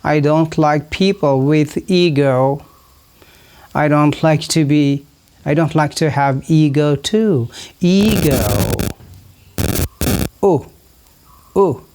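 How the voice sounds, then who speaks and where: A teacher giving a pronunciation lesson, saying each example word slowly and repeating it in simple sentences. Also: mid-range voice, fairly even intonation, a little mellow, smooth, low-quality recording.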